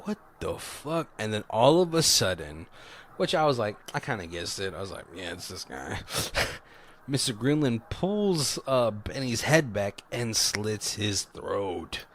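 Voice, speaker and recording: Animated man recapping a movie. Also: lowish voice, a little slow, a little hiss or hum. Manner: animated retelling, acting out characters' lines with laughs. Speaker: podcast co-host. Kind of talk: casual movie recap chat.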